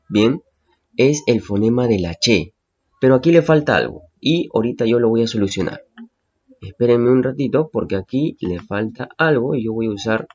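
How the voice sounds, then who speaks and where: A man's voice: medium pitch, a little mellow, breathy edge, dull audio. A male teacher patiently explaining phonetic symbols to students, repeating key points and checking understanding.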